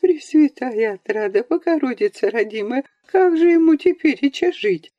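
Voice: sits high, expressive, normal speed, warm tone, no room sound, muffled recording, voice pushed up. A reader voicing a blind old village grandmother who wails and laments in a singsong. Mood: lamenting. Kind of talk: audiobook character voice.

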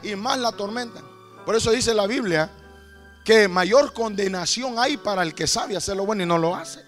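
A man preaching a sermon with fervent, rhythmic delivery that bursts into shouts. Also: high voice, moderate pace, soft background music.

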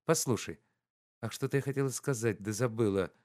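A man's voice: mid-range voice, a little fast, natural voice. A man reading aloud and voicing a carefree, teasing young woman in an audiobook. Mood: playful. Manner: lively, teasing, coaxing.

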